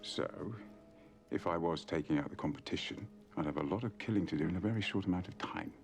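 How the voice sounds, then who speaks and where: An extremely low male voice plays a cool, menacing suspect. He reasons dryly in TV drama style, over a clear score. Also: quick pace, music in the background. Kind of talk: TV drama acting. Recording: film dialogue under musical score.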